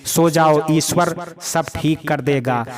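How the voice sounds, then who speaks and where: A man's voice: fairly high pitch, slow pace. A man voicing a caring mother who warns and defends her daughter. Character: protective, worried mother of a daughter. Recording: crowd noise in background.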